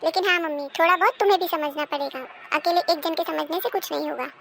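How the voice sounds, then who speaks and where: A woman voicing a calm, sensible married daughter. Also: very high voice, quick pace, vocal fry, a little hiss or hum, heavily acted. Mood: soothing. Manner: soothing, advising, reasonable. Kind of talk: cartoon dubbing.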